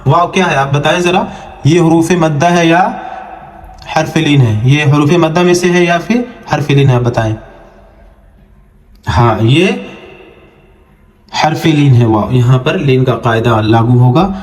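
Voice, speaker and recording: Guy teaching quran letters, spells them slow, fast low asides, bit high voice, echoey room. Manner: spells out letters and vowels, then slowly drawn-out syllables; quick, low asides explaining rules between the slow readings. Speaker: Arabic reading teacher. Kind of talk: online Quran reading lesson.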